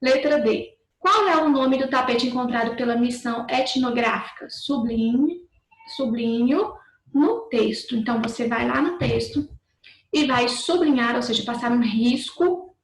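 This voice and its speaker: Brazilian teacher, woman, patient and repetitive, slightly high raspy voice, recorded in a roomy echo. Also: measured pace. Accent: Brazilian Portuguese. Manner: patient, explains step by step, repeats and rephrases. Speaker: schoolteacher. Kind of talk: recorded remote class.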